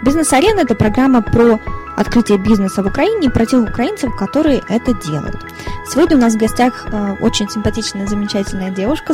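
A woman hosting a business radio interview, asking quick, prompting follow-up questions over faint music. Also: fairly high pitch. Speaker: radio show host.

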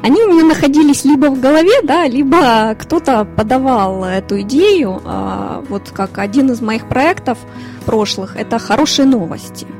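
A woman in her thirties from Ukraine, a lawyer and consultant, answering interview questions in a measured way with fillers. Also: high-pitched, darkish tone, faint music behind. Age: 30s. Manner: measured, listing things with fillers.

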